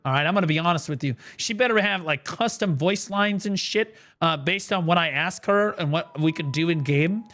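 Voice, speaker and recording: A man's voice: a little high, moderate pace, hardly any pauses, a bit bright, soft background music. A man on a livestream headset mic, ranting sarcastically and swearing through casual game commentary. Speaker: livestream gamer.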